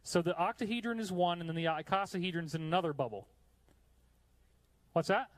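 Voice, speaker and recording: A New York man with a high-pitched voice speaks a little fast while giving a live slide lecture in a hot room. The conference speaker explains eagerly and makes chatty asides to the audience between points.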